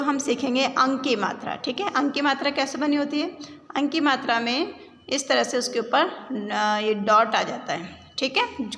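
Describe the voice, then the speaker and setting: A woman teaching a class of young children, sounding out words slowly, then asking and answering her own questions. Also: on the high side, a bit bright. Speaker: primary school teacher. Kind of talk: online class lesson. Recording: roomy reverb, faint background noise.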